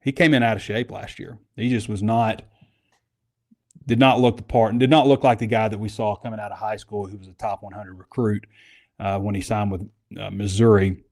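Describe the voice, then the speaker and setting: A man's voice: lowish voice, fairly even intonation, fairly quick, a little mellow. A man hosting a casual sports podcast, talking in a rambling, conversational way. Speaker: podcast host.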